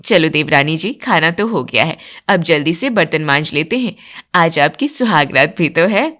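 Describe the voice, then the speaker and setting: Woman voicing a timid, gentle elder wife. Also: sits low, expressive, normal speed, voice pushed down. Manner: soft, cautious.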